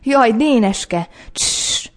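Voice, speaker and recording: A woman's voice: a little high, animated, a little mellow, voice pushed up, natural voice. A woman reading an audiobook aloud, voicing a shy, frightened young woman who speaks in a breathless, pleading whisper. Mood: pleading hushed.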